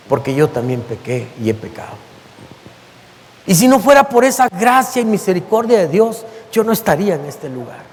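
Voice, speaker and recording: A man with a Mexican Spanish accent preaching a sermon as pastor, emphatic and earnest, calling his listeners beloved and slowing down to give his words weight. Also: sits high, a little mellow. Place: church sanctuary. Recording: long church-hall reverb.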